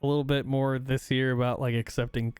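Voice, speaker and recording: A man in his thirties hosting a casual chat, goofy and energetic, laughing often and swearing freely. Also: medium pitch, fairly quick, smooth, no echo, soft background music. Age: 30s. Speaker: streamer host.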